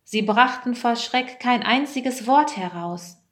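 A woman reading a Bible story aloud to children in a slow, clear voice. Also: on the high side, lively intonation. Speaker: storyteller, children's choir member.

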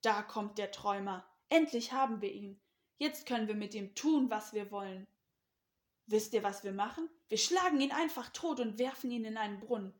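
A woman voicing a group of jealous older brothers, loud and scornful as they scold. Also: on the high side, lively intonation, fairly quick, few pauses, echoey room, close to an everyday voice.

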